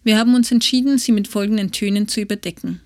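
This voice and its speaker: Woman co-host explaining the episode, measured tone, dry close mic. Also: mid-range voice, a little mellow, no echo, soft background music. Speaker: podcast co-host. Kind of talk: scripted podcast intro.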